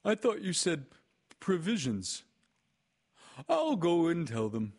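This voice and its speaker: A man voicing a naive, cheerful toy bear with a husky voice and an eager, muddled manner in a children's storybook. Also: a little high, wildly swooping pitch, slow, darkish tone, voice pushed up, exaggerated voice. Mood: cheerful, puzzled.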